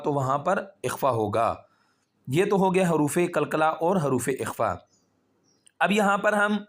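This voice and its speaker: A man teaching Quran recitation step by step, patiently spelling out letters and drawing out syllables. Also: fairly high pitch.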